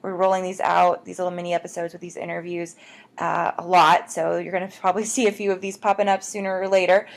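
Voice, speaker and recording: A podcast host with a low, creaky voice talks quickly and with little pitch movement. She opens her book podcast with an upbeat intro and promo, chatting to listeners in a bubbly way and calling them guys.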